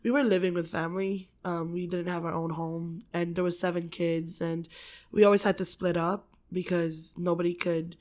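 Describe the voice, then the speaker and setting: A woman's voice: on the low side, flat delivery, normal speed, a little mellow. Laughing, swearing woman in casual chat. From Philippines. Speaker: podcast guest.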